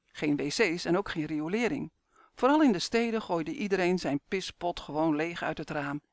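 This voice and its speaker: A man's voice: fairly high pitch, normal speed, no room sound, clean studio sound, natural voice. A man reading the lines of a patient mother who explains history to her children. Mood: explaining.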